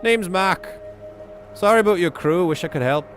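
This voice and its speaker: Man doing a gruff northern English dock guard. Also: high voice, expressive, normal speed, faint music behind, voice pushed up. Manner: bellowing, rough and blunt.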